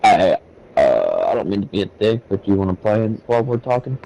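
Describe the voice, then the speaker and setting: Gaming buddy, male, low and warm-toned, hesitant casual chatter. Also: huge pitch swings, a little fast, vocal fry, low-quality recording. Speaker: gaming friend. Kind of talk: casual chat.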